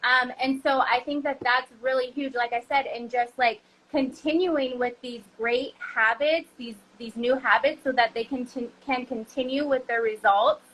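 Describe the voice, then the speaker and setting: A woman's voice: sits high, fairly even intonation, moderate pace, hardly any pauses, a bit bright, poor audio. A woman guest on a casual live-stream chat who talks in a loose, chatty way with many fillers.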